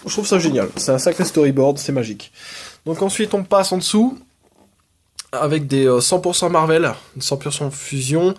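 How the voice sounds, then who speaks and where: Man, young adult, slightly high voice, casual vlog, hesitant, enthusiastic. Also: lively intonation, moderate pace, slight background noise. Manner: hesitant, many fillers, enthusiastic opinions. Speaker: comics collector showing his collection.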